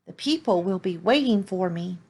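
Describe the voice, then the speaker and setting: A woman voicing an eager, proud young male donkey in a read-aloud children's storybook, with a lively, excited manner. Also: lowish voice, normal speed, breathy edge.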